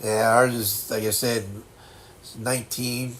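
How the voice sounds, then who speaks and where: A man in his sixties chatting casually as a livestream host, with a blocked-nose sound and a halting, reflective, folksy way of reassuring people. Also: mid-range voice, flat delivery, a bit bright, slight background noise. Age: 60s. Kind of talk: casual chat.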